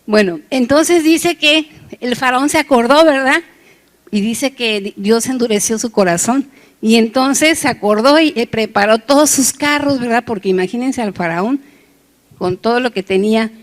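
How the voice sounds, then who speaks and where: Casting: woman lay preacher, higher voice, chatty sermon that keeps checking in with the room. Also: a little slow. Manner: engages the congregation with constant "right?" and "yes?" check-ins; conversational and joking between scripture points.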